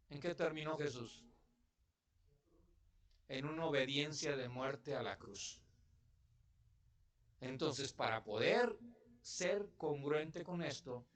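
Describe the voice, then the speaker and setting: Mexican pastor preaching to his church. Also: on the high side. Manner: conversational preaching, asks the congregation questions. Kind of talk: sermon.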